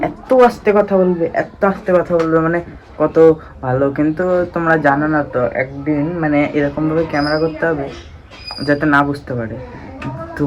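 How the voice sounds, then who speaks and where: A man's voice: fairly high pitch, dull audio. Chatty young man vlogging his day. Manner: chatty, filler-heavy, addresses viewers as guys. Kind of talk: casual daily vlog. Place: home and outdoors. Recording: home recording with loud background ambience.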